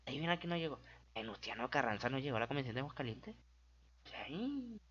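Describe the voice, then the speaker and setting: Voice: medium pitch, big pitch swings, fast, a bit bright, lo-fi sound. Una voz con acento mexicano explica historia en tono relajado y juguetón, con efectos de sonido hechos con la boca y autocorrecciones constantes. La entonación sube y baja con mucha viveza. La grabación suena apagada y de baja calidad. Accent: Mexican Spanish. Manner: goofy and chatty, with sound effects and self-corrections. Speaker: YouTuber explaining history. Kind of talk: casual, playful history explainer.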